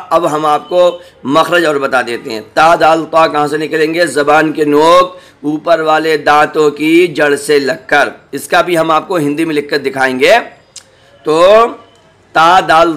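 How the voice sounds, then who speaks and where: This man's voice sits a little high as he teaches the Quran online. Each Arabic word gets a slow recitation and a repetition, followed by a quick explanation and gentle, lightly joking reassurance for his learners.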